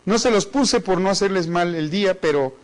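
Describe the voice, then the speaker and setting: A man with a high voice and a Mexican accent teaches an online business class at a moderate pace. He is expressive, chatty and joking, often repeating words while he thinks.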